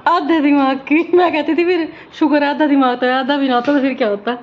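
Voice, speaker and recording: A woman's voice: high-pitched, quick pace, lo-fi sound, a little hiss or hum. A woman with a head cold chatting casually to her viewers in a home vlog, talking straight to the camera. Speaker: home vlogger. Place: home, kitchen and house.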